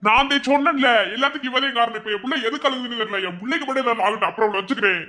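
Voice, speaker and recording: A man's voice: extremely high pitch, very fast, pushed and bright. A man playing a hot-tempered young husband who keeps blaming his wife in a family skit. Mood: angry. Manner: angry, accusing, quarrelsome. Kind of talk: amateur village drama acting.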